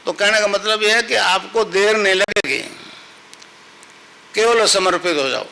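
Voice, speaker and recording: A man's voice: high-pitched, measured pace, creaky, pushed and bright, rough recording. A man giving a spiritual discourse as a guru, telling stories and teaching a mantra to a gathering.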